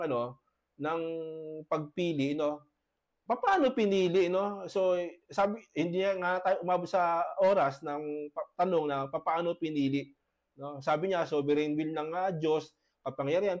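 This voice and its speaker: A high-pitched man, a pastor, lays out his case in an online debate in a halting way, tagging his points with questions. He has a cough and keeps clearing his throat, heard through a video-call mic. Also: a little mellow. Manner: halting, many tag questions. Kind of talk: debate presentation.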